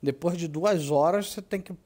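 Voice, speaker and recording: High-pitched Brazilian man chatting casually. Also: moderate pace, mellow. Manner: informal, slangy. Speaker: gaming streamer. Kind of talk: casual chat while gaming. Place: indoor room at home.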